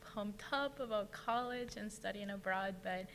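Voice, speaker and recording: A woman tells her story on a panel, soft and reflective, pausing now and then. Her voice carries a long reverb from the hall, with a faint hum underneath. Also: mid-range voice. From Venezuela. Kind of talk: personal testimony on a panel.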